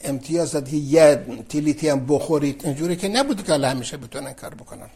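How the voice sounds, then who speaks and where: A man with a somewhat high, husky voice tells a religious story in a relaxed, conversational way. He slips into the voices of the people in the story as he retells their exchanges. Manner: conversational, acts out dialogue with shifts in pitch. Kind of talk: informal religious storytelling lesson.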